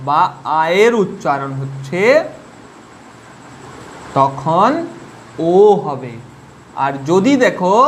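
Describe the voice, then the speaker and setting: A man's voice: high voice, a little hiss or hum. A man teaching a spoken grammar lesson, patient, repeating each point and asking the listener questions.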